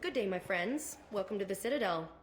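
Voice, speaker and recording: A woman's voice: mid-range voice, lively intonation, fairly quick, lightly acted. A woman voicing a polite female shopkeeper who placates an angry customer. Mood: placating. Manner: apologetic, placating.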